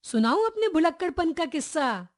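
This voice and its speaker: A woman's voice: extremely high pitch, sing-song, normal speed, voice pushed up. A woman voicing a cheerful, teasing father in a children's storybook reading. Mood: amused. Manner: loud, amused.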